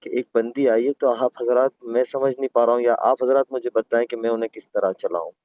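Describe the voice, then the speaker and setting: On the road, a man from Gujarat, India, calls someone privately and earnestly pleads his case, deferential and repeatedly addressing the listener with respect. His mid-range voice is brisk and darkish, with fairly even intonation. The recording has no room sound and sounds like a muffled, dull phone call.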